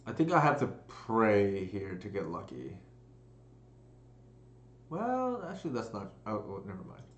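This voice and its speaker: A man's voice: fairly low pitch, huge pitch swings, measured pace, echoey room, a little hiss or hum. A man streaming a card game, thinking aloud in a casual, hesitant way with many fillers. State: burping and coughing at times. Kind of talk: casual live-stream commentary.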